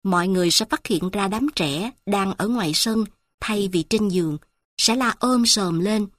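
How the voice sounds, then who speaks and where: A woman narrating a literary story in a slow, measured, reflective way. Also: medium pitch, no echo, studio quality.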